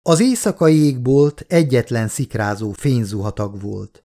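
A male audiobook reader giving steady, measured narration of a novel. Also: mid-range voice. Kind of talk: scripted narration.

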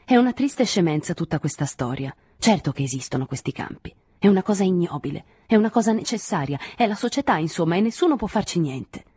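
A woman reading an audiobook, voicing an angry, sharp-tongued young woman who lashes out with biting remarks. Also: big pitch swings, a little fast, slightly rough, no room sound, clean studio sound. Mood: aggressive. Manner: aggressive, shrill outbursts.

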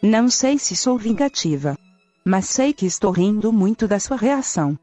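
A teasing female search-engine assistant, as a woman voices her in a radio comedy sketch. She speaks slowly and flatly, in a mocking robotic manner with a mellow, dark tone. A faint music bed runs under the broadcast. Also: mid-range voice, no room sound, close to an everyday voice. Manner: slow, flat, mocking robotic delivery.

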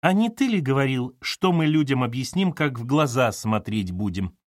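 A man's voice: mid-range voice, lively intonation, normal speed, no echo, clean studio sound, voice pushed up, lightly acted. A man reading an audiobook, voicing a distraught young woman who answers sharply and defensively. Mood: upset.

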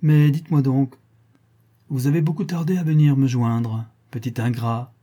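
A man's voice: mid-range voice, fairly even intonation, normal speed, dark tone, husky, lightly acted. A man reading an audiobook and voicing a playful, coquettish aristocratic lady who teases her young lover. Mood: coaxing. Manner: playful, coquettish, lightly mocking. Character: teasing amorous aristocratic lady, older lover.

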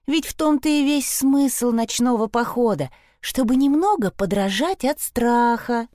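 Woman narrator as a vain, defiant schoolgirl in a storybook, haughty and lively. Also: on the high side, unhurried, no echo, clean studio sound, pitched above the performer's own voice. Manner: haughty, provocative. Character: vain, defiant teenage girl.

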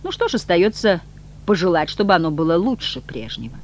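A reader voicing an imperious, scornful male devil in a low, quiet, curt tone. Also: sing-song, fairly quick, lo-fi sound, a little hiss or hum. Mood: dry. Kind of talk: audiobook reading.

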